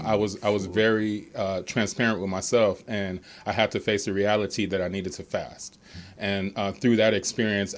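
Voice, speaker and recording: A man, a guest coach, answering interview questions slowly with many hesitations. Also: on the low side, slight background noise. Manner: slow, hesitant, many fillers.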